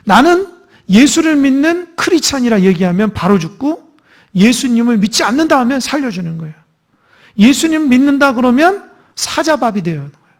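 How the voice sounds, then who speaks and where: Man, pastor, church sermon, earnest, asks questions. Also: very high voice.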